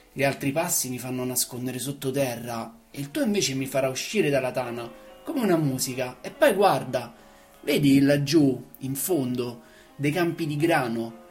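A woman voicing a wise, wistful fox who longs to be tamed, speaking earnestly and explaining. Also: extremely low pitch. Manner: earnest, explaining, a little louder.

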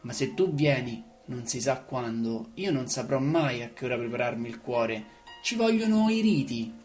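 A woman's voice: rumbling low, expressive, moderate pace, faint music behind. A woman doing a wistful wise storybook fox. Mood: patient. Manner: earnest, explaining, a little louder.

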